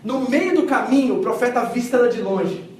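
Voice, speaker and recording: A high-voiced man preaches, telling the story with vivid acted-out quotes and swinging from loud to hushed. His voice rings through a large echoing church hall, picked up from some distance with faint room ambience behind. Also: animated, brisk, a little hiss or hum. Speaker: pastor. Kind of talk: sermon. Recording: echoey hall miked from a distance.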